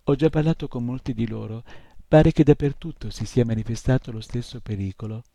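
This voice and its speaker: A tiny male fairy-tale creature who explains matters politely, with quiet self-satisfaction. The voice stays close to the reader's own: low, dark and gravelly, and recorded very dry, the way a man reads him aloud. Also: fairly quick, dry recording. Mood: polite explaining. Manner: soft, courteous, slightly smug.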